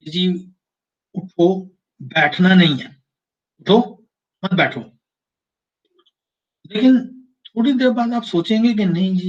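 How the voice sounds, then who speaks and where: A male university lecturer talks through his lesson at a measured pace, repeating phrases to make each point clear. His voice sits a little high, and the recording is dull and lo-fi, as if the mic were set back from him. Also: far from the mic. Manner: explains slowly, repeats phrases to show ambiguity.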